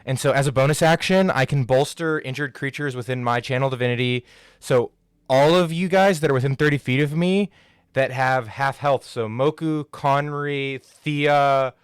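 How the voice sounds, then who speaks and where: Smooth-voiced man puzzling over rules. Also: medium pitch, moderate pace, no room sound, studio quality. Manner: thinks aloud, checking rules as he goes. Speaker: player. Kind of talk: tabletop game play.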